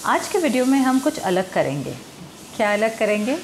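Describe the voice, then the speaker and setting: A woman with an Indian accent teaching English pronunciation, explaining slowly and quizzing the viewer. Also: fairly high pitch, very animated, slight background noise. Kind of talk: Hindi-language pronunciation lesson.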